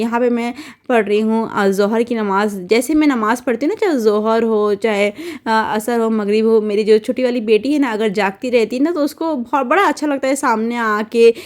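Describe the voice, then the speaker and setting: A woman's voice: a little high, darkish tone. A young adult woman, a mother, narrating her daily routine in a casual, chatty voice-over with many fillers and restarts. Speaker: vlogger and mother.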